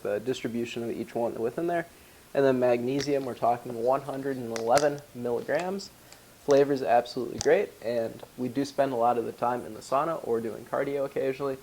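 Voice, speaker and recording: A Wisconsin powerlifting vlogger, young and congested with a fading voice, casually reviews what's in his gym bag and explains the ingredients in a chatty way. His medium-pitched, steady, slightly mellow voice is fairly quick, heard in poor audio with slight background noise.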